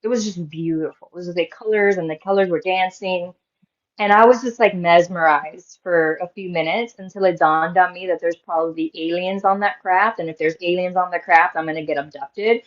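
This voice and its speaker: A woman's voice: fairly low pitch, normal speed, highs cut off. A woman in her forties, a medium and healer, telling a story in a casual interview, acting out quotes with lots of fillers. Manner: animated, acts out quotes with laughs and many "like" fillers.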